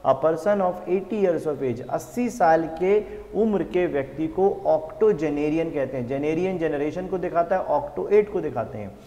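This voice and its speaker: A man teaching an exam-prep vocabulary lesson. He reads English definitions out slowly and repeats each answer back as a question. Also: on the high side, lively intonation, mellow, big-room sound. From India.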